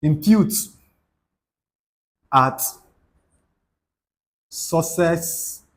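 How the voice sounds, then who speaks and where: Speaking very slowly in a voice on the high side, a young Igbo-accented Nigerian YouTube host gives a motivational talk to camera. He is preachy and repetitive and drops in Pidgin asides.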